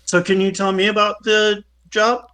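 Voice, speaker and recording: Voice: mid-range voice, flat delivery, normal speed, a bit bright, clear, resonant tone. A player in a casual tabletop game, easygoing and polite.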